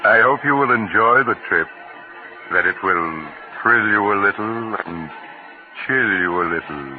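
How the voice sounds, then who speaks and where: An actor playing a genial but menacing mystery narrator in theatrical, ominous 1940s radio style. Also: male voice, deep voice. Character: eerie, genial male mystery-story narrator, menacing storyteller. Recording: muffled vintage radio recording with music.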